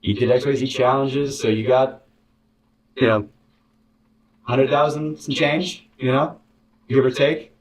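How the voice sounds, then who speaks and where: A man's voice: medium pitch, fairly even intonation, measured pace, long pauses. Man telling a bitter story in an echoey room. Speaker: interview guest, former contestant. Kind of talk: candid storytelling. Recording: roomy, distant mic.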